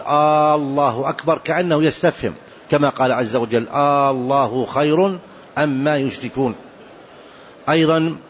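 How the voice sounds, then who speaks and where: A man teaching a religious lesson on prayer rulings, speaking slowly and deliberately and repeating key points for emphasis. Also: mid-range voice. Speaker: Islamic jurisprudence teacher. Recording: dull lo-fi recording with faint noise.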